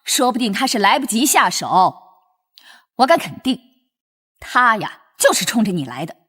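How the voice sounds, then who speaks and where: Brief: worried, scolding lady of the house in a TV drama, very expressive. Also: on the high side, moderate pace, husky, full character voice. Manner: fretful and scolding. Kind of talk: TV drama acting.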